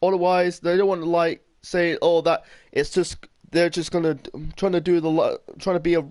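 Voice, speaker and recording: A man from England giving casual, rambling commentary while playing a game, talking fast and swearing when things go wrong. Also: fairly high pitch, little pitch movement, a little mellow, no echo. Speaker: gamer commentator. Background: faint game music.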